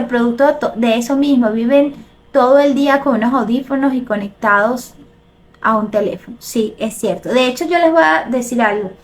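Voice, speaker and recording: A middle-aged Venezuelan woman with a Venezuelan accent, hosting a live show, reading viewer comments aloud and reacting in an animated way. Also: sits high. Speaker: host.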